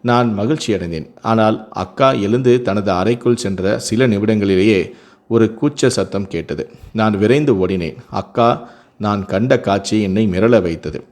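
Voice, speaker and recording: A man's voice: fairly low pitch, moderate pace, darkish tone. A man narrating a scripted first-person family story, reading steadily with occasional self-corrections.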